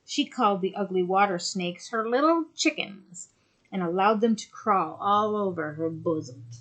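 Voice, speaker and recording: A woman storyteller reading a fairy tale aloud in an expressive way. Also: medium pitch, normal speed.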